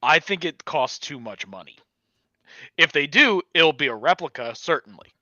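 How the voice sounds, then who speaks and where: A man's voice: a little high, expressive, moderate pace, pushed and bright, dry recording, muffled recording. A man on a casual wrestling panel, making dry jokes between stumbles.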